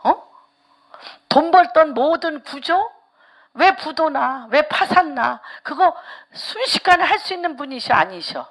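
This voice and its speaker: A woman's voice: high voice, animated, unhurried. A middle-aged woman pastor preaching a sermon in church, firing rhetorical questions at the congregation and dropping to whispers for emphasis.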